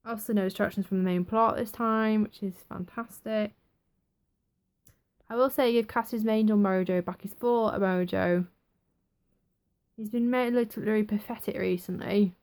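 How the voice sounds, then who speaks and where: Young woman, casual reviewer, chatty and excitable. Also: mid-range voice, measured pace, clean tone. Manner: chatty, excitable, acts out quotes. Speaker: TV episode reviewer.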